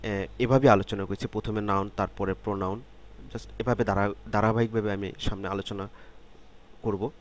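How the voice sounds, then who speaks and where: A low-voiced man teaches a beginner vocabulary lesson at a patient pace. He repeats each word slowly and carefully several times before he explains it. A faint hiss of noise runs under his voice. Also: fairly even intonation. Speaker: language teacher. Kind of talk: slow, repetitive vocabulary lesson.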